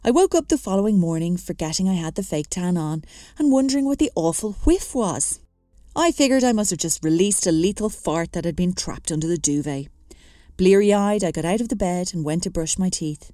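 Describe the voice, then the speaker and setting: A woman's voice: fairly low pitch, animated, brisk, mellow, no room sound, clean studio sound. A woman reading a memoir aloud with wry, self-mocking comic timing. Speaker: narrator.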